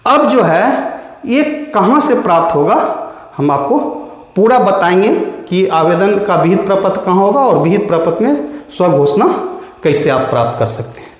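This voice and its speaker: A man explaining an online application process step by step, addressing viewers as friends. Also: high-pitched. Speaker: explainer of online land-record services. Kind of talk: spoken tutorial. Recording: very echoey room with long reverb.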